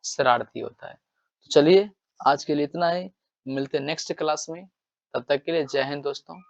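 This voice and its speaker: A man's voice: a little high, normal speed, vocal fry, no room sound, lo-fi sound. A male teacher giving an exam-prep vocabulary lesson, repeating phrases and quizzing the viewer with rhetorical questions.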